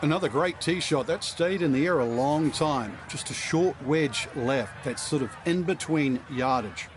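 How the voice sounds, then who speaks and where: A man's voice: on the high side, a little slow, slight background noise, natural voice. A man playing an easygoing golf analyst, giving conversational, explanatory commentary on the course. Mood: relaxed, advisory.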